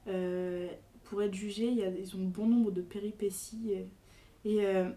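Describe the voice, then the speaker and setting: A woman's voice: mid-range voice, fairly even intonation, measured pace, dark tone, recorded from a distance. A young woman presenting a book on a podcast in casual chat, hesitant with many fillers and restarts. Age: young adult.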